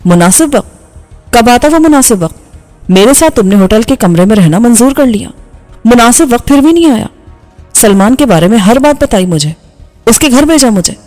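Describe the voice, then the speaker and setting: A woman's voice: on the high side, animated, darkish tone, lightly acted. A woman voicing an angry, bitter young male engineer who speaks harshly in audiobook dialogue, over faint background music. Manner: harsh, scolding delivery.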